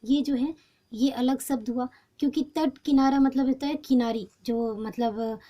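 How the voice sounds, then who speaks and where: A woman teacher explaining a textbook lesson patiently, pausing often with fillers and restarts. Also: sits high, steady tone, dark tone.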